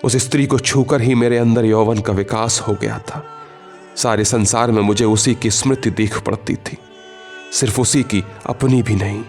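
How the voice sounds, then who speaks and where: A man narrating a literary short story in the first person, in a measured, literary reading with quiet emotional shifts. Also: fairly low pitch, steady tone, faint music behind.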